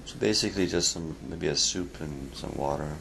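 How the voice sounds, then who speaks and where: A man with an extremely low voice and a creaky edge talks casually. He gives brief replies and asks simple questions. There is clear noise on the recording. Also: normal speed. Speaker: patient's relative filming the visit. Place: indoor clinic treatment room. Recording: noisy handheld camera recording.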